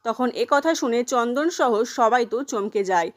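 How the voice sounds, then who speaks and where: A woman's voice: fairly high pitch, lively intonation, moderate pace. A woman retelling a television serial episode, plainly narrating with quoted dialogue. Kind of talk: soap-opera episode recap narration.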